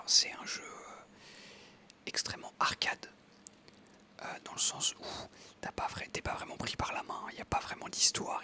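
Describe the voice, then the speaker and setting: The storyteller is a young adult ASMR creator, whispering softly and unvoiced through a meandering tale full of fillers.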